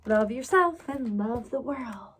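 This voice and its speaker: A woman hosts story time for kids, reading aloud and addressing her small audience with exaggerated, sing-song encouragement. Her voice runs on the high side and is expressive, moving at a slow pace over clearly audible background noise.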